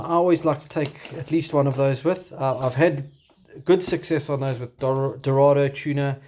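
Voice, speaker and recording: A man with a broad South African accent presents his gear as a kayak angler in a casual, unscripted show-and-tell, with halting, hesitant phrasing. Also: fairly high pitch, a little mellow.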